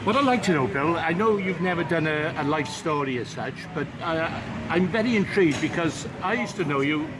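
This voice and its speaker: With a fairly high, expressive voice, an older man from Wales talks fairly quickly and hardly pauses as he casually interviews someone outdoors amid crowd noise. He laughs a lot and peppers his speech with ums and uhs.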